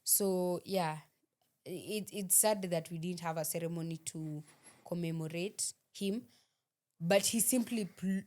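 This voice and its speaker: A woman's voice: on the low side, a little slow, darkish tone, slight background noise. A woman with a Kenyan accent co-hosting a football podcast in casual sports chat, switching between English and Swahili.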